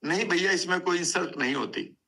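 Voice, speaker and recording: A man voicing a deadpan businessman friend who denies everything without fuss. The tone is bright and edgy with a gravelly texture, and the speech stays even and matter-of-fact. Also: high-pitched, brisk, pitched above the performer's own voice, heavily acted, rough recording. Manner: calm, matter-of-fact denials. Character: patient adult man friend running a business.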